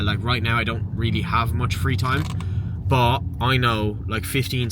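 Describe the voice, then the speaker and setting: A man, talking casually and upbeat to camera as a fitness vlogger, in informal slangy language. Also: mid-range voice. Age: 20s. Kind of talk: casual vlog talk to camera. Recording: clear background noise, vehicle and outdoor ambience.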